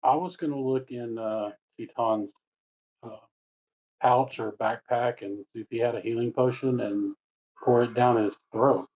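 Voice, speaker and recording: A man's voice: medium pitch, fairly even intonation, unhurried. Man player on a dull, lo-fi mic. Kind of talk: casual chat at the game table.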